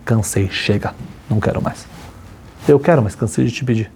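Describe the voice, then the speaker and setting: A man's voice: moderate pace, husky. A man voicing a weary childless man pleading. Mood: despairing. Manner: low, weary, quiet.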